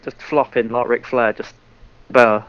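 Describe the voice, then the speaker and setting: A man's voice: medium pitch, flat delivery, measured pace, fairly bright tone, dry recording, muffled recording. A man co-hosting a casual podcast chat, reacting bluntly and asking questions. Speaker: co-host.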